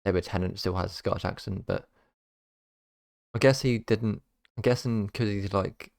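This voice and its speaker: Deep, gravelly man reacting to a video. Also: moderate pace, a little mellow, no room sound, studio quality. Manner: rambling, hesitant, many fillers. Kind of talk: casual reaction commentary.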